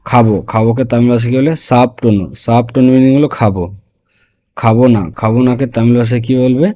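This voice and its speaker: A man's voice: mid-range voice, fairly even intonation, fast talker, mellow. A man teaching a spoken language lesson, explaining phrase by phrase and often checking in with his listeners.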